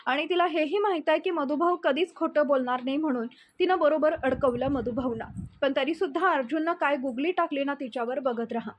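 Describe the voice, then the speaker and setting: A woman's voice: sits high, brisk. A woman narrating a TV serial recap in a chatty, opinionated way while speaking straight to her viewers. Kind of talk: casual storytelling recap addressing viewers.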